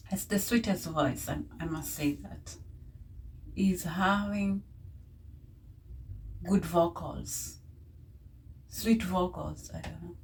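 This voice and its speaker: A woman who speaks English as a second language gives casual reaction commentary in a halting way, often repeating words and phrases. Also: lowish voice, vocal fry. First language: not English. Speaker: music reaction video host. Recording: distant mic with faint noise.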